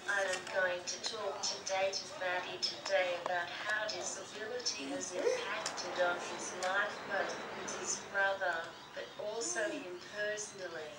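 A woman interviewer asking prepared questions slowly and deliberately, recorded outdoors by a distant camera. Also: medium pitch. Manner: slow, deliberate, reading questions. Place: outdoor terrace by a glass building. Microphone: far camera. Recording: roomy, distant, noisy outdoor audio.

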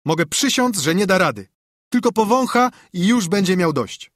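A swaggering young boy, played by a male narrator, high-pitched and animated, full of scorn for others. The voice has a slight husky grain and sits dry and close to the mic. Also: normal speed, dry recording, heavily acted. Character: cocky young boy, scheming show-off.

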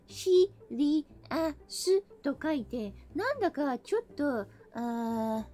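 A woman with a Southern American accent gives a relaxed English lesson on a livestream, joking around and slipping into mock-angry, rough slang. Her voice sits high with a somewhat dark tone.

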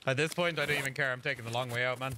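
A young Irish man streaming a shooter game with a friend, excitable, swearing and laughing at himself. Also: mid-range voice, rapid-fire, a little hiss or hum. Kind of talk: gameplay commentary with a friend.

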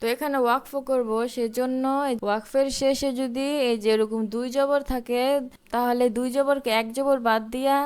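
A woman's voice: high-pitched, steady tone, moderate pace, darkish tone, clean tone. A woman teaching Quran reading, spelling Arabic words letter by letter and reciting them with long drawn vowels.

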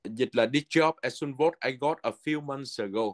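A man teaching a language lesson from a textbook, patiently repeating words slowly so learners can follow. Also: medium pitch.

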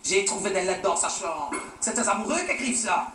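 A man's voice: high voice, lively intonation, a little fast, sharp tone, faint music behind. A man playing an exasperated, nagging father who scolds his teenage daughter sarcastically in a stand-up sketch, repeating "hein" over and over. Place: theatre stage. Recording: roomy stage sound from far off, faint noise.

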